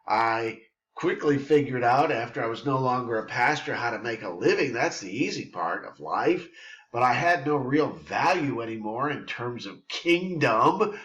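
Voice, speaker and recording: A middle-aged man hosts a reflective monologue at a middle pitch, speaking in long expansive runs that pile verb on verb. The recording sounds somewhat dull and lo-fi. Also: animated, normal speed, a bit bright. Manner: expansive, piles up verbs. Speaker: host.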